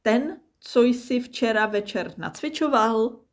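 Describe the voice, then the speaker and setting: An eager, polite little tortoise from a children's storybook, as a woman narrator puts her on, pitched well above the reader's own low voice. She speaks brightly and with a lot of excitement. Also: close to an everyday voice.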